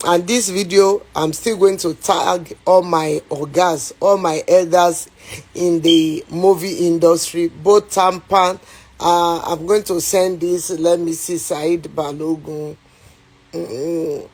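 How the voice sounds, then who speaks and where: A woman with a Nigerian accent goes live on her phone with an angry rant. She talks slowly, circles back over the same phrases, and pleads with viewers between bursts of heat. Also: lowish voice, fairly even intonation, darkish tone. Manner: repetitive, pleading, heated, mixes in Yoruba. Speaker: actress on a livestream.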